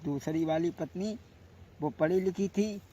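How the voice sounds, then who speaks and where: A man telling a folk story, moving between long drawn-out sung verses and plain spoken narration, heard from an old worn cassette tape. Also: sits high, dark tone. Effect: played from an old worn cassette tape. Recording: muffled worn cassette with faint hiss.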